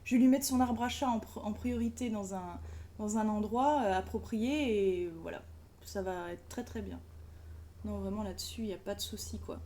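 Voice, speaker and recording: A woman's voice: medium pitch, normal speed, mellow. A woman chatting casually and playfully as a live streamer, colloquial and sweary, often cooing affectionately. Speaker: live streamer, craft vlogger.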